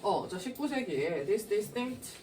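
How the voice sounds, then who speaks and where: A woman's voice: mid-range voice, slow. A woman teaching an English reading lesson to middle school students. She poses questions and answers them herself, with frequent verbal fillers. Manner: animated, asks and answers her own questions, keeps saying "자". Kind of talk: classroom lecture explaining a reading passage. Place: classroom. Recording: distant mic with faint noise.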